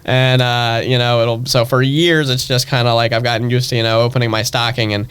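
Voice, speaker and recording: Chatty young man with a smooth voice. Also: medium pitch, brisk. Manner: chatty and animated, acts out family voices. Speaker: stage actor guest. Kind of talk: casual storytelling chat.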